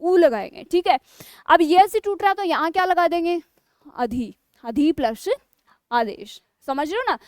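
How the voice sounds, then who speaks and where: A woman's voice: very high-pitched, expressive, a little slow, darkish tone, no echo, clean studio sound. A woman teaching a Hindi grammar lesson for exam preparation. She keeps asking her students questions and then answers them herself.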